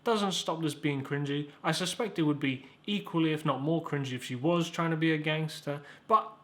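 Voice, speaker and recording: A man's voice: fairly high pitch, moderate pace, a bit bright. Sarcastic young man reviewing videos. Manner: rambling and sarcastic, with stammered restarts and swearing. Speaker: YouTube reviewer, host. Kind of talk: casual comedic video commentary.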